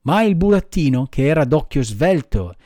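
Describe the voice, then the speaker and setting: A man's voice: on the high side, sing-song, moderate pace, warm tone, no room sound, studio quality. A man reading a children's classic aloud, telling the story expressively. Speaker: audiobook reader. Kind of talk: storybook narration.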